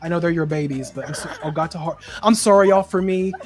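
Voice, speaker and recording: A man's voice: fairly high pitch, quick pace, soft background music. A man hosting a casual group chat, upbeat and playful, laughing often as he moves things along. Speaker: host.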